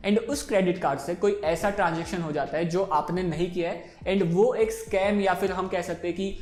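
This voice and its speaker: The finance show host is a man in his twenties with an Indian accent and a high, slightly mellow voice, talking a little fast with fairly even intonation. He explains things to camera in an informal, direct mix of Hindi and English. Faint music plays amid roomy echo.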